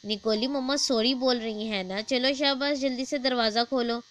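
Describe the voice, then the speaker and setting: A woman's voice: fairly high pitch, steady tone, a little hiss or hum, close to an everyday voice. A woman voicing a harried mother of two young daughters in a storybook, talking emphatically in a raised voice. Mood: coaxing. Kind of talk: storybook dialogue.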